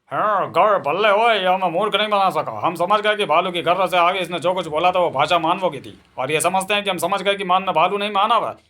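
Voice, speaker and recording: A man's voice: high-pitched, fairly quick, few pauses, sharp tone. A man voicing drawling, dim-witted hyenas. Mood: greedy. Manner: drawling, foolish. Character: pack of dim-witted hungry male hyenas.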